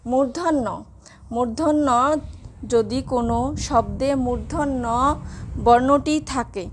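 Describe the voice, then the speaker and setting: A woman Bengali teacher giving a pronunciation lesson, speaking slowly and repeating each example for her students. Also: sits high, darkish tone, a little hiss or hum.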